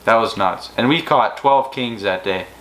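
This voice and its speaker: A man's voice: on the low side, normal speed, fairly bright tone, slight background noise, rough recording. A man co-hosting a fishing channel, telling stories in a casual, rambling way with many restarts. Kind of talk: casual storytelling chat.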